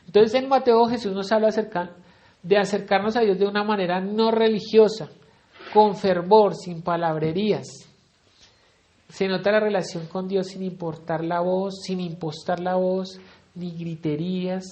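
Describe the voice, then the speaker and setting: A man's voice: high-pitched, fairly even intonation, normal speed, a little mellow. A middle-aged man with a Colombian accent teaching a Bible study sermon in a conversational way, often asking his listeners questions. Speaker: preacher.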